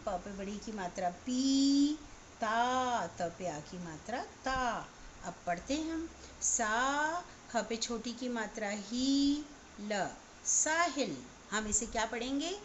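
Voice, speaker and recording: A woman teacher giving an online class to young children, spelling words out slowly sound by sound. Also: fairly high pitch, a little hiss or hum. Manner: slow, sound-by-sound spelling aloud. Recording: slightly dull, lo-fi recording.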